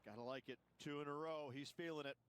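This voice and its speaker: A man's voice: on the high side, steady tone, quick pace, fairly bright tone, smooth. Chatty, jokey male golf analyst. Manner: chatty and jokey, laughs easily. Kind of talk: sports color commentary.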